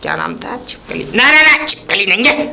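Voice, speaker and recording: A scheming old village uncle, voiced by a woman, with a rustic, scolding drawl. The voice sits fairly high and bright. It sounds like a skit taped in an echoey room. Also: sing-song, a little fast, vocal fry, full character voice. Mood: bossy. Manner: talks over others, repeats "listen to me". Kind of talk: rural comedy skit.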